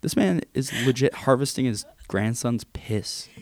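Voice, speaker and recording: A man's voice: medium pitch, expressive, unhurried, a little mellow, no echo. A young man co-hosting a casual podcast, talking in loose, profane banter into a home computer mic. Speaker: podcast co-host. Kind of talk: casual chat. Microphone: home computer mic with headphones.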